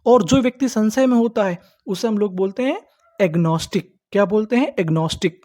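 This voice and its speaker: A man teaching English reading in an online lesson. He sounds words out slowly, letter by letter, then asks questions and answers them himself. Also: sits high, darkish tone.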